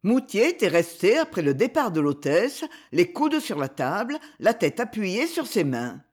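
A woman narrating a children's story with expressive reading. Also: medium pitch, unhurried, breathy edge. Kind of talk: scripted narration.

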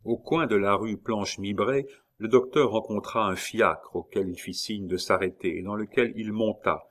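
A man narrates a historical novel in a measured, dramatic reading. His voice sits on the low side and he paces the sentences with care. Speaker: audiobook narrator. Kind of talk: scripted narration.

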